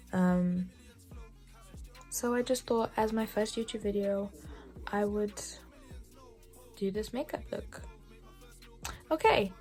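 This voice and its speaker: A young woman in her early twenties talks through a makeup tutorial in a relaxed, chatty way, often dropping to a soft half-whisper. Her voice sits fairly low and has a noticeable vocal fry. Faint music plays quietly behind her. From England. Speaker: beauty vlogger. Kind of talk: casual makeup tutorial chat.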